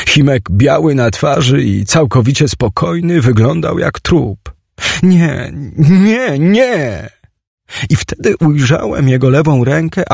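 A man narrates a first-person story in a vivid, expressive audiobook read. His voice is gravelly and a little husky, with a lively, wide-ranging pitch, recorded close and dry in a booth. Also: no echo.

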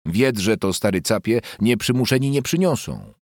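A man putting on a shrill scolding peasant wife. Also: expressive, normal speed, a little mellow, no room sound, clean studio sound. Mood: mocking. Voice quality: shrill, mocking and jeering.

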